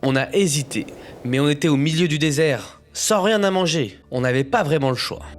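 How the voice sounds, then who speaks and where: A man playing young Aladdin, telling his own adventure in expressive, suspenseful storybook narration. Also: on the high side, normal speed, lightly acted. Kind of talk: dramatic scripted first-person storybook narration. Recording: music bed behind narration.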